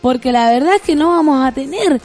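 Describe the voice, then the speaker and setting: High-voiced Chilean woman radio host. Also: animated, brisk, darkish tone, faint music behind. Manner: playful, joking, rambling. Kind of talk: morning radio chat reading listener messages. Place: radio studio.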